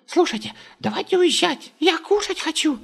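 A squeaky childlike giant. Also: male voice, lively intonation, moderate pace, gravelly, exaggerated voice. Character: simple-minded childlike male giant.

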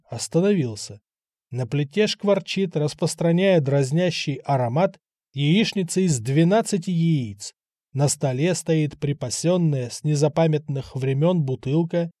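A man narrating a novel in a measured, unhurried storytelling manner. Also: fairly high pitch, mellow, no echo, clean studio sound. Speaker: audiobook narrator. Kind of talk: novel reading.

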